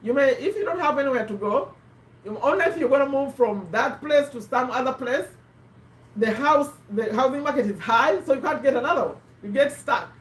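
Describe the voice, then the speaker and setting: A fairly high-voiced woman talks through ideas in a loose, conversational way, restarting sentences and turning to her listeners with questions. The recording has a roomy echo around her voice. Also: animated, a little fast, distant mic. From Uganda. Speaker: host of a live book discussion. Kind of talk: casual explanatory talk. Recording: echoey room.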